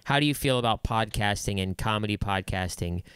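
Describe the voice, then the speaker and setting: Guy cohosting a podcast, cuts in with blunt quick questions, lowish smooth voice. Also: fairly bright tone, dry recording. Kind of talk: casual podcast chat.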